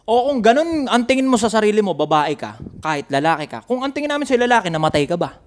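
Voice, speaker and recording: A man in casual podcast talk. He speaks bluntly with some swearing, throwing out rhetorical questions. His pitch swings widely as he talks. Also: big pitch swings, quick pace. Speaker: podcast co-host.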